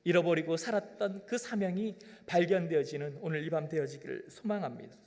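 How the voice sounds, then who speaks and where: Male pastor, emphatic sermon delivery, high voice, church reverb. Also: fairly quick, darkish tone. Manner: emphatic, swelling preaching cadence with direct appeals. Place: church sanctuary. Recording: long reverb of a church hall.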